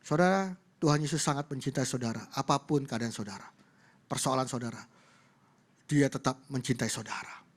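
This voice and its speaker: A man's voice: mid-range voice, a little fast. Emphatic male pastor preaching. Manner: emphatic, repetitive congregational address. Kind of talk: sermon. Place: church in a mall.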